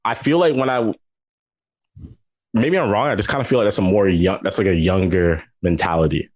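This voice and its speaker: A man's voice: on the low side, fairly quick, dry recording. A man with a British accent chatting casually as a podcast co-host, laid-back and teasing, swearing freely, heard over a video call. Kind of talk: casual chat.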